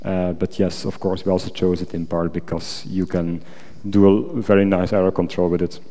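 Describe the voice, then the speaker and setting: A man's voice: low-pitched, steady tone, moderate pace, warm tone. A man answering academic questions at a thesis defense, hesitant and hedging with many qualifications. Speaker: PhD candidate answering examiner questions. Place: large wooden lecture auditorium. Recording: echoey lecture hall, long reverb.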